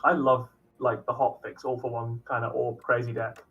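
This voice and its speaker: A man chatting casually as a co-op partner in a gameplay stream, relaxed and quick to laugh. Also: medium pitch, slightly rough, dull audio, faint music behind. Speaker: co-op game partner.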